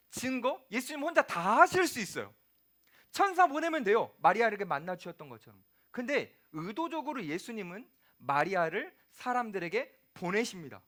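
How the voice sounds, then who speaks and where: Animated, bright-voiced male preacher. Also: high voice. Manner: conversational, asks the congregation questions; acts out quoted lines, sometimes dropping to a whisper. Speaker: youth pastor. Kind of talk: sermon.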